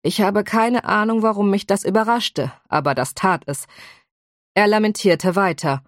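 A woman narrating a first-person audiobook in an even, measured way. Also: mid-range voice, no echo, studio quality.

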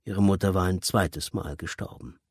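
Male audiobook narrator, low voice, dry booth sound, measured delivery. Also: darkish tone, slightly rough, no echo.

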